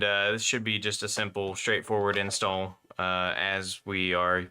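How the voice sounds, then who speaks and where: Working hands-on at his bench, this man live-streams a console mod and chats loosely, full of fillers, still shaking off a slight cold cough. The voice is lowish, bright, and forceful, with a clear, resonant tone.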